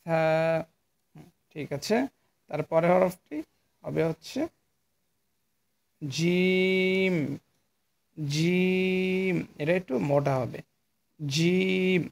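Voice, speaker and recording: A man's voice: a little high, gravelly, darkish tone. A man with a Bangladeshi Bengali accent teaching Quran letter pronunciation, patiently stretching out each sound and explaining where the tongue goes. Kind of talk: slow pronunciation lesson.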